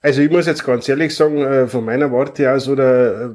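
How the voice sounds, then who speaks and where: A man's voice: mid-range voice, fairly even intonation, a little fast, darkish tone. A man, a stadium announcer invited as a guest, talking casually with many fillers and restarts. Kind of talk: casual chat.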